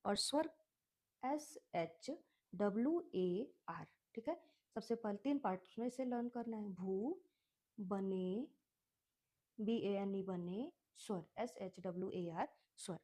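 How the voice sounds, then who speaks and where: An Indian woman teaching children, spelling words letter by letter in a slow, patient way. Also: mid-range voice, mellow. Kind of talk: spelling lesson for kids.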